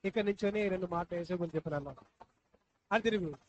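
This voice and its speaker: A puppet show host with a medium-pitched voice talks fast to children during a live show, coaxing them and repeating questions. The live recording is dull and lo-fi, with faint noise.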